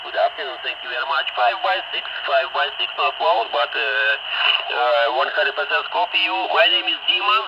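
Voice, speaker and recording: A man operating amateur radio, speaking in halting, repeated phrases and spelled-out call signs over a crackly military-style radio link. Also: a little high, lively intonation, creaky, muffled recording. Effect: crackly shortwave radio. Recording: crackly, very noisy shortwave radio.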